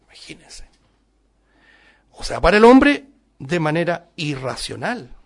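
A man's voice: on the high side, sing-song, measured pace. A middle-aged male preacher giving a sermon, emphatic and full of rhetorical questions to the congregation.

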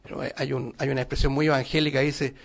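A man's voice: mid-range voice, level tone, fast, creaky. A middle-aged male preacher giving a sermon, emphatic and full of rhetorical questions to the congregation.

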